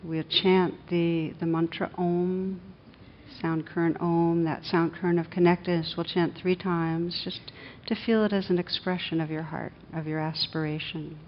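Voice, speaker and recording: Speaking in a lowish, fairly even voice, a female meditation teacher guides listeners gently and soothingly, with long pauses between short phrases. The slightly dull recording has a faint rumble of background noise.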